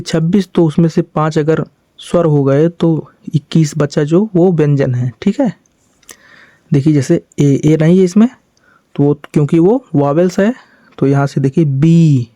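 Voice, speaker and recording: A man's voice: fairly high pitch, mellow, no echo. Patient man teaching step by step. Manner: patient, repeats points and asks the listener questions. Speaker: English teacher. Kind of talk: classroom-style explanation.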